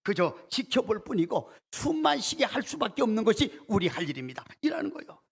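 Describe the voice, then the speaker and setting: Gravelly high-voiced Korean pastor preaching. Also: male voice, sing-song, fairly quick. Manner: storytelling, acts out quoted prayers with rising intensity. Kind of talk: sermon. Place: church sanctuary.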